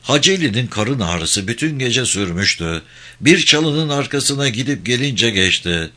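A man narrating a war novel in a steady storytelling delivery. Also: mid-range voice, unhurried.

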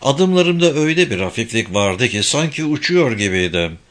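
A man giving a steady, measured audiobook narration of a novel. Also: medium pitch. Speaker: audiobook reader. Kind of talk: scripted narration.

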